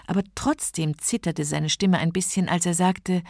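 A woman reading a story aloud, narrating evenly and measured. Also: lowish voice, fairly even intonation, gravelly, darkish tone, no echo, clean studio sound.

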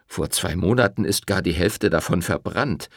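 A man voicing an uneasy village priest in an audiobook reading, speaking slowly and hesitantly in a soothing, sighing manner. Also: deep voice, creaky, no echo, clean studio sound. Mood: placating.

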